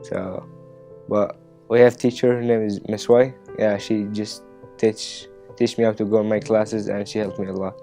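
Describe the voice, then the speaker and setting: A young man speaks hesitant, simple English as a student learning the language. His low voice is dark and nearly monotone, with faint music underneath. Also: normal speed. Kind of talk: interview testimonial. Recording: soft music bed underneath.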